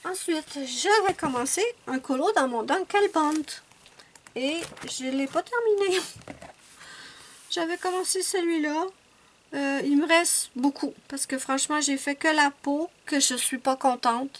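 A woman's voice: high-pitched, slight background noise. A woman chatting casually as a coloring vlogger, rambling and correcting herself as she thinks aloud. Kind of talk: casual show-and-tell chat.

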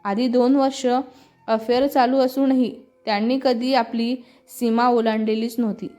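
A woman's voice: on the high side, little pitch movement, moderate pace. Woman narrating a story over music. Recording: slightly muffled with soft music.

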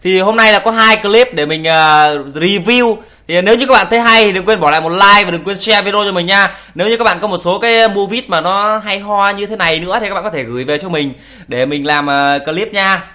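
A man's voice: sits high, fairly quick, sharp tone. A young man casually commenting on video clips, teasing and joking, laughing often and swearing in English. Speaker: YouTuber reacting to videos.

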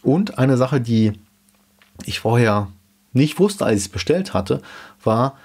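A man in his thirties explaining gear in a casual home-studio vlog, relaxed with many fillers, into a dynamic studio mic. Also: mid-range voice, slow, slightly rough. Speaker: YouTube host explaining car audio gear. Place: small home studio room indoors. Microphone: dynamic studio mic in front of him.

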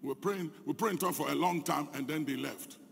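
A Ghanaian man preaching a fervent sermon as pastor, his delivery swelling into shouts, in an echoey church hall. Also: a little high, brisk, vocal fry, slightly rough.

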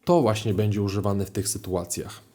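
A man teaching French grammar in a video lesson, explaining clearly with lively rises in his voice. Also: on the low side, brisk. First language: Polish. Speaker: language teacher.

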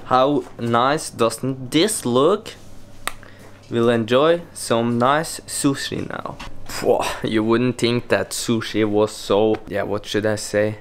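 A young man, a Norwegian native speaker, vlogging casually into a handheld action camera with a relaxed, filler-heavy way of talking. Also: medium pitch, a little hiss or hum. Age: young adult. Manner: relaxed, slow, many fillers. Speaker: motocross rider vlogger. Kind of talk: casual vlog narration. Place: home, car and gym.

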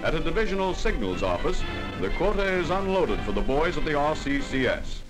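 A man narrates an old wartime newsreel in a jaunty, punchy manner, tossing in wisecracks. His pitch sits a little high and swings widely. Music plays clearly behind him. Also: sing-song, fairly quick. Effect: old newsreel voice-over.

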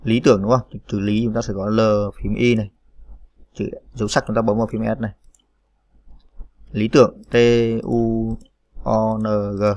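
A man's voice: fairly low pitch, flat delivery, normal speed, long pauses, darkish tone, no echo, clean studio sound. A man hosting a computer typing tutorial, spelling out keys letter by letter with frequent "à" fillers. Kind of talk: screen-recorded typing tutorial.

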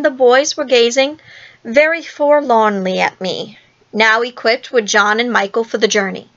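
Lady reading a kids story out loud, super slow, kinda high voice, dull lo-fi audio. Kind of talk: storybook reading in first person.

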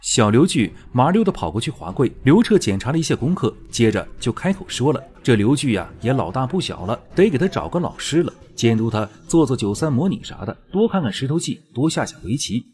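Male narrator for a joking drama recap: scripted but colloquial, playful, pitch moving around a lot. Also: big pitch swings, a little fast, few pauses, a little mellow. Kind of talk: joking scripted storytelling commentary.

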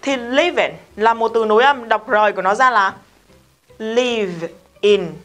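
A woman with a Vietnamese accent runs a recorded online English lesson, brisk and strict with her learners. She slows right down to drill short phrases for repetition. Faint music plays softly behind her voice. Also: on the high side. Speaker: English teacher.

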